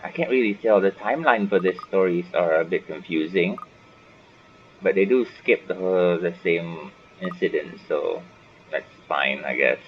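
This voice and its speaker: A man with a low voice speaks at a moderate pace, muttering and thinking aloud as he plays. He's a gaming video host offering casual commentary, recorded on a dull lo-fi mic with faint noise.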